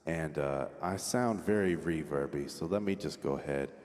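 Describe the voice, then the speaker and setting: Man, very low voice, big hall echo, long reverb tail, loose rambling livestream talk. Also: moderate pace, darkish tone. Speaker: musician hosting a livestream. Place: home studio.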